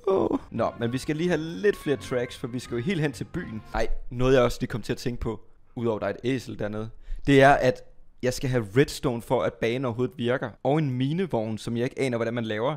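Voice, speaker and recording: A Danish gaming YouTuber with a mid-range voice commentates his Minecraft play. Chatty and excitable, he talks to his viewers and his pet, squealing whenever something startles him.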